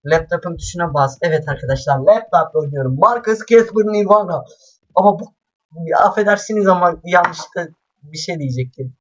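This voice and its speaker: A man doing casual let's-play commentary, chatty and excitable, swearing often and talking straight to his viewers. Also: high-pitched, brisk, highs cut off. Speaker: gameplay commentator. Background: faint game music.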